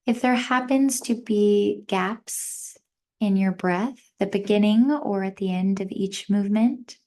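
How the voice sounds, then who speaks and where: Gentle guidance comes from a woman meditation instructor whose voice is mid-range. Her delivery is very slow, made up of short, measured directions and long pauses between phrases.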